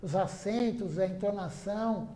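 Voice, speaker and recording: In a temple hall, a man delivers an earnest devotional sermon, driving his points home by repeating them. His voice sits high, a little slow and mellow, and the sound is roomy.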